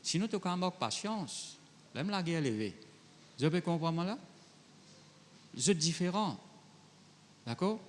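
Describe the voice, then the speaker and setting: Unhurried and leaving long pauses, a male pastor with a very animated, higher voice preaches conversationally, going from Bible verses to talking straight to the congregation. He mixes French with Creole phrasing, with big-room sound and slight background noise.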